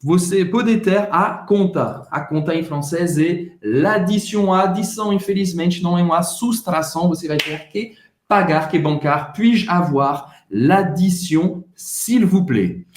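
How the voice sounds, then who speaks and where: Male teacher, echoey room. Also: high-pitched. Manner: repeats French phrases slowly and clearly for learners. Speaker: French teacher. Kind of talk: casual bilingual language lesson.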